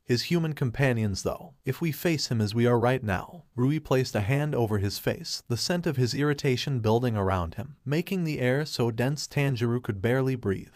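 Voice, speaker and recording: A man narrating a fan fiction story with a steady, even reading. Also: medium pitch, normal speed, few pauses, no room sound, studio quality.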